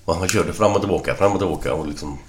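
A man telling crude jokes casually among friends, in an animated storytelling manner. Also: deep voice, slight background noise. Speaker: joke teller.

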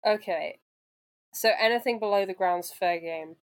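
A curious woman on a casual podcast, firing off questions with a playful edge. Her voice sits at an ordinary middle pitch. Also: moderate pace. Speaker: podcast co-host asking questions.

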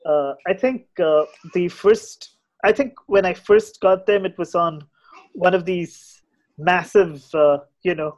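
On dull-sounding audio, a high-voiced man speaks slowly with an Indian English accent. He's a podcast guest offering opinions in a casual chat, frequently restarting and repeating what he says.

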